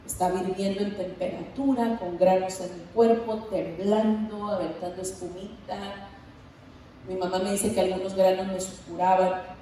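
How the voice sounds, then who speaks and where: A woman evangelist with a Mexican Spanish accent telling her testimony in a dramatic sermon, building up to shouts. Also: medium pitch, steady tone, normal speed, a little hiss or hum. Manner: dramatic storytelling, rising to shouts. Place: large church hall. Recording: echoey church hall, far from mic.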